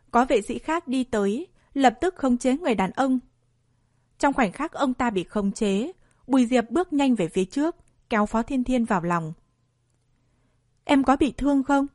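A woman narrating a dramatic story in a steady storytelling voice. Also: fairly high pitch, dry recording, studio quality.

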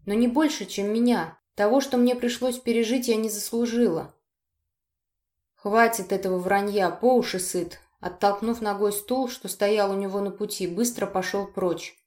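Woman narrating a first-person dark romance, emotional and pleading at times; roomy, echoing sound. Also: medium pitch. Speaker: audiobook narrator. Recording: roomy echo.

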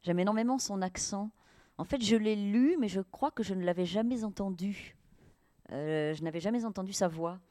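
A woman's voice: medium pitch, moderate pace. Fields: Sex: woman. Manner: hesitant, filler-heavy. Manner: hesitant, many fillers, lively emphasis. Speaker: writer and guest. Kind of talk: radio interview conversation.

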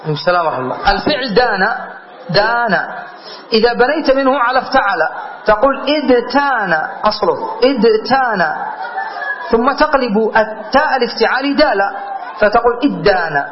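High-pitched sheikh man patiently walking through grammar rules, asks if it's clear, muffled lo-fi lecture tape. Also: lively intonation, brisk, background noise. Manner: patient step-by-step explaining, checks understanding with questions. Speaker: sheikh teaching Arabic grammar. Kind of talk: classroom grammar lesson. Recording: dull lo-fi lecture recording.

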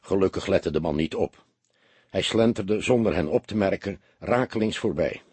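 A man narrating a detective audiobook in an expressive storytelling manner. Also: sits low, moderate pace, slightly rough, no room sound.

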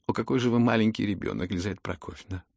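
A man doing a meek, soft-spoken young prince. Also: fairly low pitch, rapid-fire, vocal fry, no echo, clean studio sound. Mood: earnest. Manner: soft, hesitant and earnest. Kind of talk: audiobook character reading.

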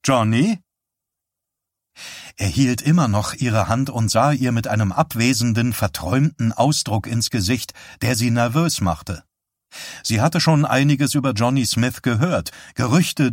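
A man narrating an audiobook in a calm, even reading voice. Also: medium pitch, moderate pace, husky, dry recording, studio quality. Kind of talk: scripted narration.

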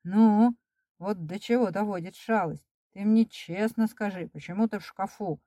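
A woman voicing a gruff, sarcastic male deputy headmaster in a children's story reading, dry and stern. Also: mid-range voice, moderate pace, warm tone, dry recording, natural voice.

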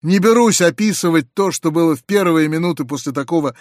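A man's voice: a little high, a little fast, no room sound, studio quality. Man narrating a classic novel aloud. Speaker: audiobook reader. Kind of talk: scripted literary narration.

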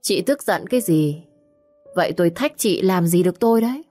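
A woman's voice: fairly low pitch, animated, fairly quick, dark tone, faint music behind. A woman voicing a scheming pregnant mistress in a village who wails and taunts melodramatically. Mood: taunting.

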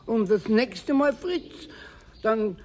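An actor playing a gruff but kindly old caretaker with a Bavarian accent in a 1970s radio play. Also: male voice, sits high, lively intonation, slow pace, darkish tone, slight background noise. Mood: good-natured. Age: older. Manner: folksy, chuckling.

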